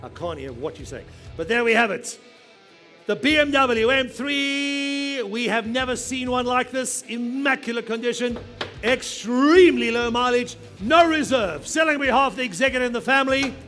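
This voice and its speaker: A male auctioneer runs a live sale in a very high-pitched voice. He is commanding and insistent, chanting figures and pressing for bids. Music plays behind him. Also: normal speed, pushed and bright. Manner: insistent, commanding, urging bidders. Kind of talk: live auctioneer chant, rapid repeated bid calls.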